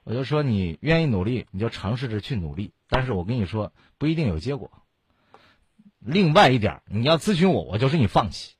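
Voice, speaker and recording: A man's voice: medium pitch, sing-song, a little fast, husky, no echo. A man hosting a call-in advice show, lecturing a caller bluntly with strings of rhetorical questions. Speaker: radio advice host.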